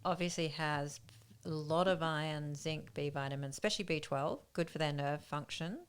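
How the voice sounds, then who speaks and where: A confident woman co-host with a notably low voice for a woman. She delivers her segment with emphasis, in an informative, semi-scripted way. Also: normal speed, smooth.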